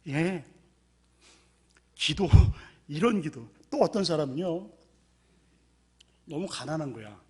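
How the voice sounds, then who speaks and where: A man's voice: on the high side, animated, takes it slowly, long pauses, husky. A man preaching a sermon as pastor, telling stories and acting out the characters' desperate cries. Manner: acts out characters' cries in a raised voice. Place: church sanctuary.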